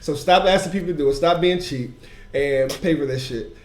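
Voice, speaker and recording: A man's voice: a little high, a little fast, faint music behind. Blunt ranting man, echoey room. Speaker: podcast co-host. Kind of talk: casual chat.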